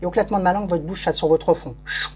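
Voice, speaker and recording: A man's voice: sits high, racing. A man working as a hypnotist in a live show, giving repetitive, commanding suggestions punctuated by shushing. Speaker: stage hypnotist. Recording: noisy live recording with hum.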